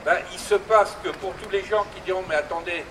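Distant higher-voiced man making an outdoor speech. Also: level tone, a little fast. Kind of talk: rhetorical public speech. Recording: distant, noisy outdoor recording.

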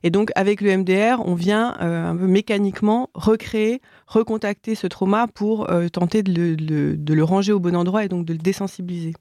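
A woman's voice: mid-range voice, fairly even intonation, brisk, few pauses, warm tone, dry recording, clean studio sound. A woman guest on a panel, explaining a therapy technique step by step with some hesitations. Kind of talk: explanatory discussion.

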